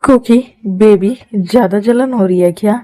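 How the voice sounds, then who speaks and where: A woman's voice: mid-range voice, unhurried, music in the background, close to an everyday voice. A woman voicing a possessive, menacing young man in a Hindi fan-dub drama, commanding and controlling. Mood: tender.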